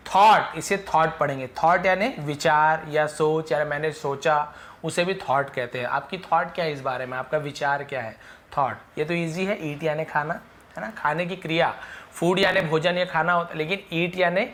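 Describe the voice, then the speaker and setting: A man teaching English vocabulary to Hindi speakers, calling out each word loudly and then explaining its meaning more quietly and patiently, with repetition. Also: a little high, moderate pace. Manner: patient, repeats the meaning several times.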